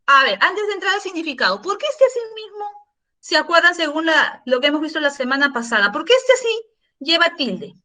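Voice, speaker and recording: A middle-aged woman teaches an online grammar class with a high, bright voice. Her pitch swings widely as she asks questions. She is patient and repeats her examples for the students. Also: sing-song, fairly quick. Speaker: secondary school language teacher.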